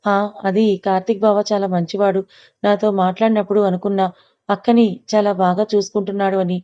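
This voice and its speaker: A woman's voice: medium pitch, little pitch movement, brisk, dark tone, no echo, close to an everyday voice. A woman voicing a remorseful young woman, a younger sister, in a storybook. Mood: rueful. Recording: dull lo-fi recording.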